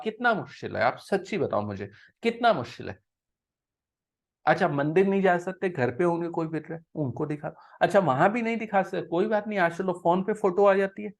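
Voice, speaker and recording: A man giving a devotional talk to viewers, coaxing them with repeated rhetorical questions, mixing English words into Hindi and slowly chanting Sanskrit verses. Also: a little high. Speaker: devotional speaker.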